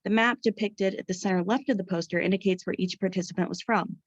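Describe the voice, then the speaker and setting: A woman's voice: mid-range voice, steady tone, fast, slightly rough, no room sound. Young American woman presenting, dull dry recording. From Pittsburgh area, United States. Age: young adult. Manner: formal, carefully read-out delivery. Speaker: student researcher presenting a study. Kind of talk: scripted academic presentation.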